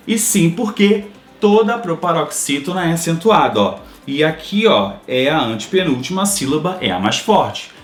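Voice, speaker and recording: A man teaching a Portuguese grammar lesson for exam prep, explaining step by step and often checking in with quick tag questions. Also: on the high side, roomy sound.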